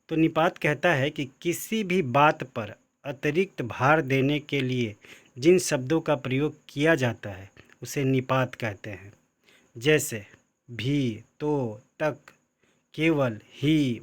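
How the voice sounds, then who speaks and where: A man teaching an online grammar lesson, explaining slowly and repeating himself, stressing the key example words. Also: medium pitch.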